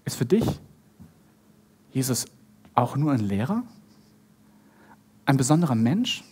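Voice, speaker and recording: A man's voice: mid-range voice, big pitch swings, unhurried, a little mellow, breathy edge. A man preaching a sermon, retelling a story with animation and speaking directly to his listeners. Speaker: pastor.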